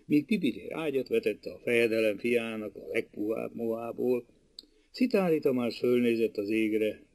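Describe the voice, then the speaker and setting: A man narrating a classic novel as an audiobook in a lively, expressive storytelling manner. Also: medium pitch, dry recording.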